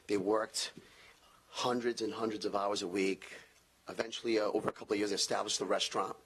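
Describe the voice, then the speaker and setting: A man's voice: fairly low pitch, a bit bright, husky. A man born in Portugal giving an earnest public comment at a city council meeting, with frequent restarts.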